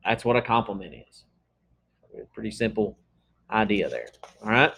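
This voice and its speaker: A man's voice: fairly low pitch, sing-song, normal speed, creaky, fairly bright tone, husky. A man teaching a math class in a casual, conversational lecture, checking in often with his students. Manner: casual, talks through examples with frequent "okay?" checks.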